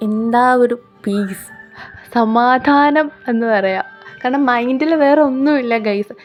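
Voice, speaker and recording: A woman's voice: fairly high pitch, takes it slowly. A woman with a Kerala accent narrating a travel vlog in a casual voice-over, mixing English words into Malayalam. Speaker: travel vlogger. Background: music.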